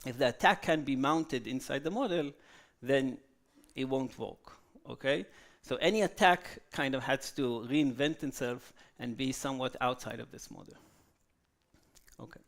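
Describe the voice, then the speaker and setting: A man giving a technical conference talk, halting with fillers and checking in with "okay?" after each point. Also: medium pitch, vocal fry, fairly bright tone. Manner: frequent "okay?" tag questions, halting with fillers. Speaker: conference speaker. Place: conference hall.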